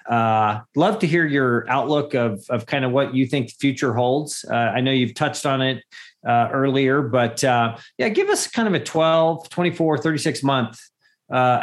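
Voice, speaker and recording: A man hosting a podcast interview in a casual, conversational style. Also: medium pitch. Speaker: podcast host.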